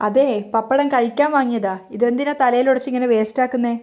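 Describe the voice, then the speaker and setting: A sarcastic young husband, as a woman storyteller puts him on, keeps teasing his family with a needling tone. The voice sits fairly high and stays mellow, and the words come out quick. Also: lightly acted.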